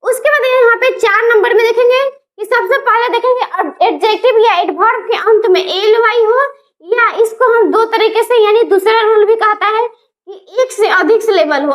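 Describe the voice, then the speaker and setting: A woman teaching a grammar lesson, spelling words out letter by letter and slowing down to sound them out. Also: extremely high pitch, a bit bright.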